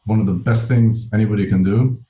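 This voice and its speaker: A man's voice: on the low side, fairly even intonation, a little fast, mellow, reverberant, poor audio. A man guest speaking on a call, talking loosely with lots of "like" and "you know" fillers. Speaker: cave explorer and guest. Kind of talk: casual interview on a call.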